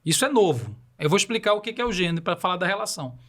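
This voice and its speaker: A podcast guest from Belém do Pará, Brazil, speaks Brazilian Portuguese with a Paraense accent in a high, slightly bright voice. He's very animated and talks very fast, taking a didactic approach and tossing in rhetorical questions as he explains ideas.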